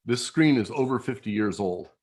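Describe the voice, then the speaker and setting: A man in his sixties, a guest telling technical stories from his long career in a relaxed way over a video call. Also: mid-range voice, normal speed. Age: 60s. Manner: relaxed storyteller, technical and anecdotal. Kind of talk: casual chat.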